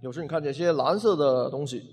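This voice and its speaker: A man interpreting a sermon phrase by phrase, briskly repeating each line. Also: fairly high pitch, a little mellow, breathy edge, in a large hall.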